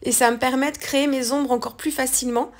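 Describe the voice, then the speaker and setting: A woman's voice: sits high, steady tone, fast. A woman talking through a coloring tutorial in a casual, hesitant way, with many fillers and self-corrections. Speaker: craft tutorial host. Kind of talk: casual voice-over art tutorial.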